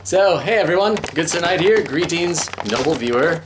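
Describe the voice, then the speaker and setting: A man's voice: fairly high pitch, lively intonation, moderate pace, background noise. A middle-aged man giving a casual, jokey gear review to camera in a chatty, informal way. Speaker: host of an airsoft gear channel. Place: small furnished room at home, indoors. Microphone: camera a few steps away. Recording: roomy echo, distant camera mic.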